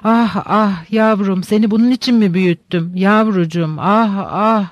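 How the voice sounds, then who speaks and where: A frantic, sobbing mother pleads in a rush of words, as a man reading a storybook puts her on. The voice sits high and the sound is close and dry, with no room around it. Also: dry recording, lightly acted. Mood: sobbing pleading. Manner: sobbing, rapid pleading speech.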